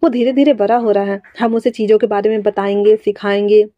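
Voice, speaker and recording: A woman's voice: medium pitch, little pitch movement, a little fast, dry recording, natural voice. Woman reading a teasing, bossy older uncle for a storybook, dry and lo-fi. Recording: dull lo-fi dry recording.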